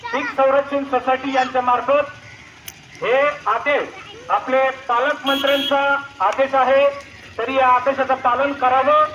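Very high-pitched man over a loudspeaker. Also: flat delivery, unhurried. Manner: formal, repetitive official notice. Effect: over a loudspeaker on a rickshaw. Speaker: village public announcer. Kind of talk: public announcement. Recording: echoey, dull loudspeaker sound with faint noise.

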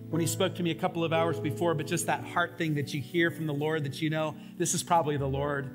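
A man with a notably high, youthful surfer-kid voice preaches a sermon in a church sanctuary. He talks informally and earnestly, slipping in plenty of "like" and "um". Music plays clearly beneath his words. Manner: informal and earnest, acts out his own prayers; says "like" and "um" often. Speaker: pastor.

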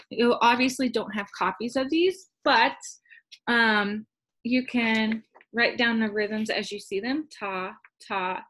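Woman music teacher, slow unhurried pace, patient, counts rhythms aloud, frequent ums. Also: medium pitch, fairly bright tone, slight background noise. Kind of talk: remote classroom lesson.

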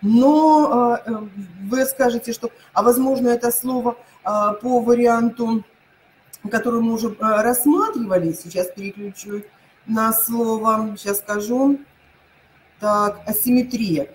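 A woman teacher giving an online lesson, repeating each word pair slowly and hesitating often. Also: fairly high pitch, steady tone, slight background noise, low-quality recording.

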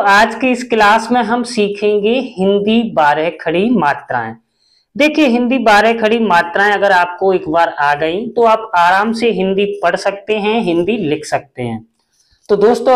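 A man teaching a class, slowly reciting syllables one at a time. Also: sits high. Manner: slow, deliberate, chanting syllables one by one. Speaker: Hindi teacher.

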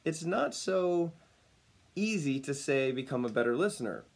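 Slightly raspy while he recovers from losing his voice, a personal branding speaker in his thirties talks casually to a webcam set at desk distance in his home. He comes across upbeat and smiling, chuckling often. His voice is on the high side and expressive, with a moderate pace.

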